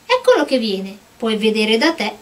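A woman reading aloud and voicing a delicate, proud young porcelain princess in a storybook, with a high, breathless, pleading voice. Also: big pitch swings, normal speed. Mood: prim, wistful.

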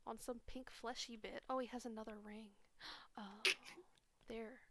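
A woman's voice: on the high side, little pitch movement, measured pace. A young woman hosting a game night stream, chatting casually and teasing her friends with lots of giggles. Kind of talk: casual chat while gaming.

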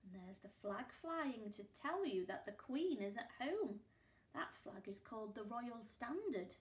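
A woman in her forties, a primary school teacher, reads a picture book aloud in her living room at home, adding gasps and hushed asides for young listeners. Her fairly high voice is very animated but measured in pace. Recorded by a camera a few feet away, the sound is roomy.

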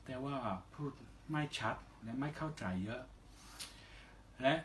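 Foreigner speaking careful, halting Thai, male. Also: mid-range voice, a little hiss or hum. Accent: foreign (Western) accent in Thai. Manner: careful non-native Thai in short halting phrases with polite particles. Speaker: interview guest, singer. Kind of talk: casual interview answers.

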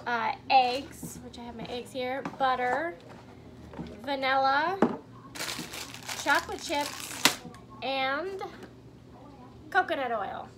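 Young woman, very high voice, informal home baking vlogger, loud kitchen noise behind her. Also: slow pace, pauses often. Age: young adult. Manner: chatty, informal. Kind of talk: casual cooking demonstration. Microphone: camera a step or two away. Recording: noisy kitchen, clattering clicks.

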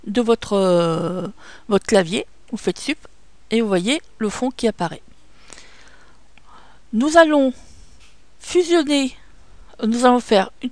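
A woman with a French accent guiding viewers step by step through photo editing software, patient and hesitant, with many fillers. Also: fairly high pitch, no room sound. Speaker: software tutorial presenter. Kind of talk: screen-recorded photo editing tutorial.

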